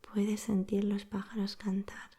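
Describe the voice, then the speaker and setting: Soft whispering woman, breathy and mellow. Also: medium pitch, monotone. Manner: soothing, slow-paced, hushed narration. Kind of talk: whispered ASMR guided bedtime storytelling.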